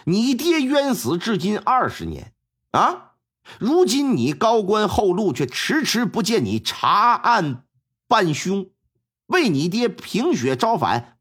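A male storyteller voicing a grieving widowed mother who scolds her son through tears, in a slightly husky voice. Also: fairly high pitch, huge pitch swings, a little mellow, full character voice. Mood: reproachful. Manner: tearful scolding, drawn-out pleading.

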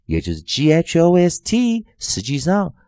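A man teaching English phonics in a classroom style, repeating sounds and words slowly. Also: dry recording. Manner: slow, drawn-out repetition of sounds and words; very lively, sing-song pitch.

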